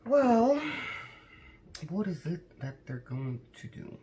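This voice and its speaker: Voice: medium pitch, sing-song, slow pace, dark tone, a little hiss or hum. A tarot card reader talking casually to viewers in a conversational, cautioning way, often tagging questions onto statements.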